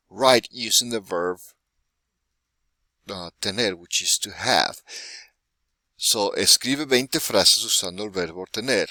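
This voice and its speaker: A man's voice: on the low side, bright, forceful tone, no echo. A man in his forties teaching a Spanish lesson, patient and often checking in with "right?". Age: 40s. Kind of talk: recorded classroom lesson.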